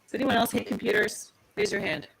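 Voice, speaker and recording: A woman co-hosting a live online question show speaks through a broken computer mic that turns her voice robotic and metallic. Her tone is heavily gravelly and full of fry, and she stays brief and good-humoured about the tech trouble. A clear murmur of a crowd sits behind her. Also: on the high side, fairly even intonation, a little fast, rough recording. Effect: robotic, metallic glitching microphone audio. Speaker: co-host answering listener questions. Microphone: faulty computer microphone on a remote call.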